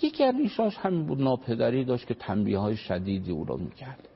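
A man's voice: medium pitch, very animated, vocal fry, slight background noise. A man, a family counselor explaining parenting on a radio talk show, earnest and full of examples. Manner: earnest, explanatory, uses examples and polite formal phrases. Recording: dull lo-fi radio broadcast.

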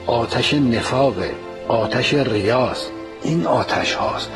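A man in the middle of a religious sermon names point after point in a declamatory voice. His pitch sits at an ordinary middle level. Music plays clearly behind him. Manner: listing, declamatory.

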